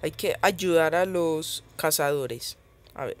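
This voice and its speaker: A man's voice: fairly high pitch, slow pace. A man giving casual gameplay commentary as he plays a mobile game, chatty and thinking aloud, easily startled.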